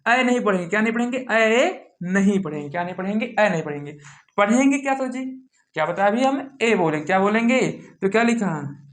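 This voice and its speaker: Teacher, classroom lesson, mid-range pitch, asks and answers own questions, slow repeated words, echoey room. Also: expressive. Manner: drills by asking questions and answering them itself; repeats words slowly to show pronunciation. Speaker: English teacher.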